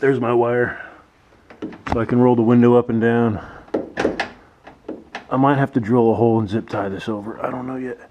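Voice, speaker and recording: A man's voice: mid-range voice, steady tone, normal speed, pauses often. A man giving casual hands-on commentary in a workshop, thinking aloud informally as he works. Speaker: DIY car builder presenting his project. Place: workshop at a workbench and beside a truck. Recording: dull lo-fi audio with clear noise.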